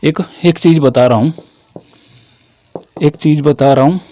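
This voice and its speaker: A man's voice: fairly high pitch, a little slow, dark tone, no room sound. A young man from Haryana teaching a classroom-style lesson in a chatty way, repeating his phrases and calling listeners "brother". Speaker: English teacher.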